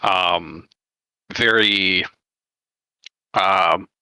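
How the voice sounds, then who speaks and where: A man's voice: deep voice, fairly even intonation, drawn-out words, sharp tone, smooth, dry recording. A man describing his character in a tabletop game, rambling and hesitant with many fillers. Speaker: player. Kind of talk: tabletop play and narration.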